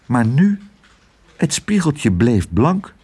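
Man, storybook narration, very lively intonation, expressive reading. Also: medium pitch, takes it slowly, breathy edge. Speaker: audiobook reader.

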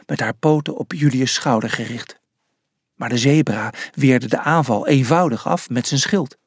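A man narrating a children's audiobook chapter, slow and deliberate. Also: a little high, dry recording, studio quality.

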